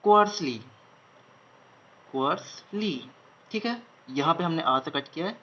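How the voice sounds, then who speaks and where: A man's voice: fairly high pitch, expressive, fairly quick, bright, forceful tone. A man teaching a shorthand lesson, repeating each word several times as he writes it out. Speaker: shorthand instructor. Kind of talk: online lesson. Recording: dull lo-fi recording.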